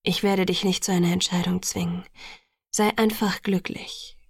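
A woman voicing a gentle, restrained young male vampire in a calm, tender whispered role-play. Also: lowish voice, measured pace, creaky, slightly rough, dry recording, clean studio sound, heavily acted.

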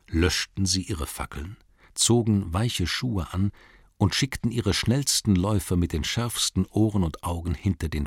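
A man narrating a storybook in a measured, dramatic reading, slowing down for emphasis. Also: sits low, slightly rough, dry recording, clean studio sound. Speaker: audiobook narrator.

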